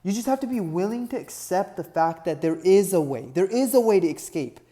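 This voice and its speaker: A man's voice: sits high, animated, a little fast, dark tone. A young man from Nepal, an online fitness business coach, giving a motivational talk and tagging nearly every sentence with "right?". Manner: earnest, repeats "right?" constantly, builds to emphatic peaks.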